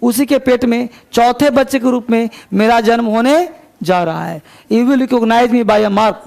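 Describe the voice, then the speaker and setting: A man teaches an English story, reading each line slowly before explaining it. His voice sits very high and has a gravelly edge. His delivery is unhurried and deliberate. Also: darkish tone. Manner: slow, deliberate reading of English lines, quicker asides. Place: coaching class.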